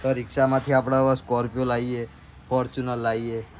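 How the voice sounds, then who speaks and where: Male shopkeeper, chatty vlog host, mid-pitch, noisy street behind. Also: little pitch movement, fast talker. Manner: chatty, keeps addressing viewers as guys. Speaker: shopkeeper vlogger. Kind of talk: casual vlog commentary. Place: small shop and storeroom.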